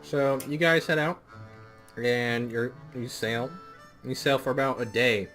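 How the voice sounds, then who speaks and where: A man's voice: medium pitch, steady tone, unhurried, fairly bright tone, soft background music. A man running a tabletop role-playing game as game master, narrating in a casual, joking way. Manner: casual, laid-back joking.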